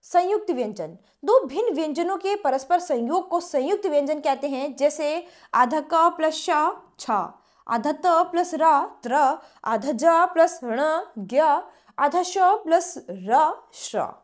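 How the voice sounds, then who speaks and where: A woman teacher giving a grammar lesson, reading definitions and then explaining them informally, slowing down to spell out letters and examples. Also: high voice, lively intonation.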